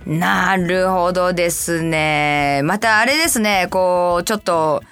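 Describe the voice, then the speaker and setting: A woman radio host from Kansai, speaking standard Japanese with a light Kansai accent, chatting casually and answering listener letters in a lively, playful way. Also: slow pace, clear, resonant tone, soft background music. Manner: chatty, animated, jumps to high playful asides. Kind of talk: casual solo radio talk.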